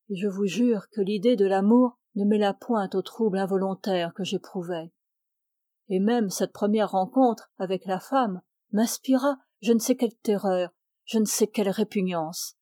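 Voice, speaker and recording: A woman reading the part of an earnest, devout young man who declares his love solemnly and pleads with fervour, in a slow, mellow voice. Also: mid-range voice, no echo, clean studio sound, lightly acted.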